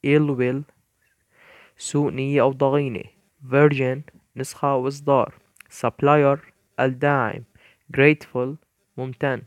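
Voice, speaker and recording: Guy teaching english vocab word by word, middle pitch, dry close recording, stumbles a bit now and then. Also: flat delivery, dry recording. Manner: reads each English word, then gives its Arabic meaning; measured, with small stumbles and self-corrections. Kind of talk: bilingual vocabulary lesson, reading word lists.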